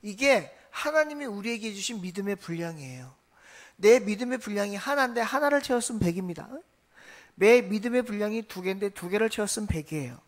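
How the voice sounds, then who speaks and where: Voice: medium pitch, lively intonation, fairly quick. Pastor preaching with rhetorical questions. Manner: repetitive, rhetorical questions to the congregation. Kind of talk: Sunday morning sermon. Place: church sanctuary.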